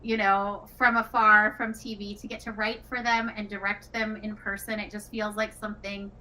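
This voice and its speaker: A woman who writes and directs games chats casually with developers, sounding earnest and reflective. Her medium-pitched voice is level and sharp at a normal speed, and the recording has a clearly noisy background.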